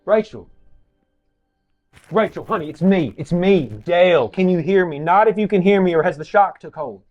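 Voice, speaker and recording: A man's voice: mid-range voice, lively intonation, fairly quick, slightly rough, lo-fi sound, soft background music. A man as a shiftless man, rambling, folksy, hesitant. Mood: alarmed. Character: shiftless rough-talking Southern man. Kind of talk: live staged drama reading.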